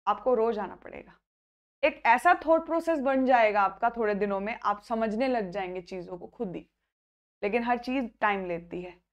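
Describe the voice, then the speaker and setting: High-voiced lively woman teaching math. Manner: lively, coaxing students by name, repeats and checks understanding. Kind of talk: live online math class.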